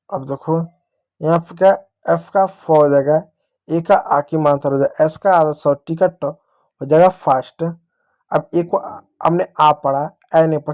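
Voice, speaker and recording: A man's voice: on the high side, darkish tone. Patient Indian male phonics teacher. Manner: patient, repetitive, addresses children directly. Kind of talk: phonics lesson for children.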